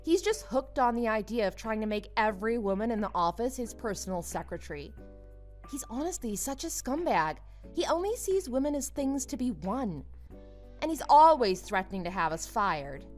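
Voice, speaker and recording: An actress playing a friendly, earnest young female office worker, confiding and expressive, in a dramatized story. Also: a little high, normal speed, faint music behind. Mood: exasperated, worried.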